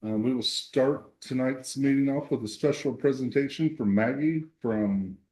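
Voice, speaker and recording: A man chairing a small town council meeting, running motions and votes in a brisk, plain-spoken way. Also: medium pitch, mellow. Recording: echoey meeting room.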